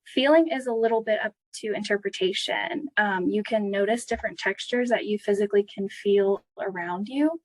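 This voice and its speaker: A woman therapist leading a grounding exercise in a conversational, unscripted way, giving gentle instructions with unhurried pauses. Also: mid-range voice, dry recording, rough recording.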